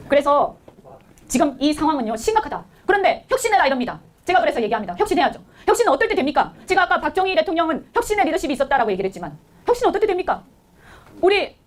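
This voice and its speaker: A middle-aged woman delivers a blunt, indignant political speech at a breakneck pace. Her voice sits very high and swings up and down with lively intonation. She keeps firing rhetorical questions at the listener. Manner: emphatic, full of rhetorical questions. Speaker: political speaker.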